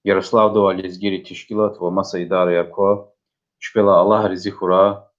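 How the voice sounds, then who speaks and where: A man's voice: low voice, level tone, a little fast. A native Lezgian man from Dagestan hosting an online dictation, addressing the participants. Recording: dull, lo-fi online audio.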